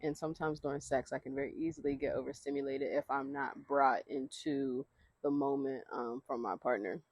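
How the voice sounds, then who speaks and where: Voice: medium pitch, lively intonation, fairly quick, vocal fry, no echo. A podcast host chatting casually outdoors in a rambling, slangy way, laughing between thoughts. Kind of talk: casual solo podcast talk.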